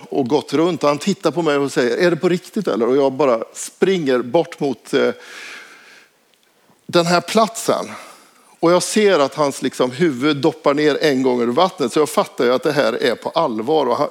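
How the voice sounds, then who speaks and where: A man's voice: on the high side, gravelly. Hesitant man telling a personal story. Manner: hesitant, many filler sounds. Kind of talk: casual spoken personal anecdote.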